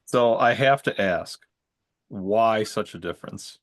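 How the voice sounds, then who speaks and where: A man's voice: fairly low pitch, slow pace, no echo, studio quality. A man at a town committee meeting who asks questions hesitantly, often stumbling over and repeating his words. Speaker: committee member.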